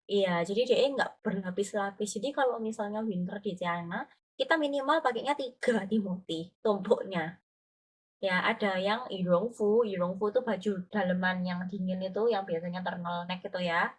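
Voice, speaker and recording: A woman's voice: mid-range voice, normal speed, breathy edge. A woman tutoring Mandarin, explaining patiently and often checking that her student follows. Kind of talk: online language lesson.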